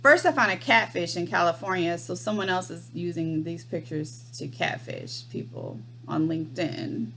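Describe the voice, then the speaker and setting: Casual woman storyteller, amused and wry, quick to laugh. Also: fairly low pitch, gravelly, a bit bright, a little hiss or hum. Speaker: storyteller vlogger.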